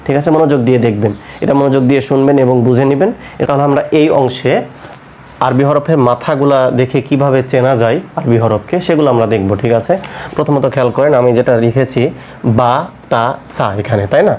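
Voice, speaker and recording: A man's voice: medium pitch, dark tone, a little hiss or hum. Patient male teacher drilling letter sounds. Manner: repeats letter sounds slowly and often asks "right?". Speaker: Quran teacher. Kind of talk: step-by-step pronunciation lesson.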